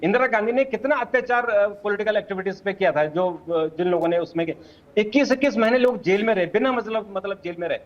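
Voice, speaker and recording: A man's voice: sits high, fast talker, dull audio. A man speaking as a panel guest in a political debate, insistent and talking over others.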